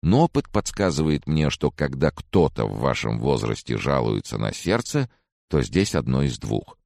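A man's voice: a bass voice, sing-song, moderate pace, creaky, darkish tone, no room sound, exaggerated voice. A man voicing a tired male doctor who speaks in a dry, matter-of-fact, slightly mocking way, as an audiobook character voice.

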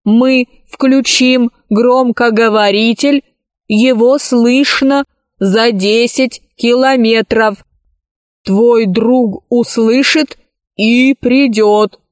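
A woman reading a children's story aloud, voicing a stubborn, literal-minded ship's service robot in a slow, measured way. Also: fairly high pitch, steady tone, dry recording, clean studio sound.

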